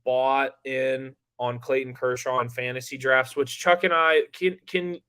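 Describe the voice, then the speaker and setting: A young man co-hosting a fantasy baseball podcast in a casual, excitable way, full of filler words. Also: mid-range voice, unhurried, clear, resonant tone. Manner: casual, excitable, lots of likes and yo. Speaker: co-host.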